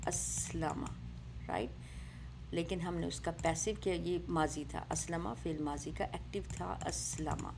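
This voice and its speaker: A woman with a somewhat low voice teaches grammar, explaining step by step and often checking in with her listeners. She mixes English words into her talk. A steady hiss sits clearly behind her voice. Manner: explains patiently, mixing English words, asks "right?" often. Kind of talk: online grammar lesson.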